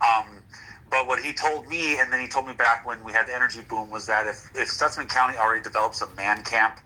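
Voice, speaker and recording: A man's voice: mid-range voice, fairly even intonation, quick pace, sharp tone, rough recording. A man in his thirties from North Dakota, heard over a speakerphone in a meeting room, giving a plain, matter-of-fact planning update. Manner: plain, matter-of-fact, working through points. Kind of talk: businesslike update at a public meeting.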